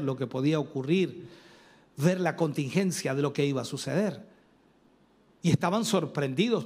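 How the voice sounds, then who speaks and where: A male preacher telling a story in a sermon and speaking directly to his congregation. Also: fairly high pitch. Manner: animated storytelling addressing the congregation.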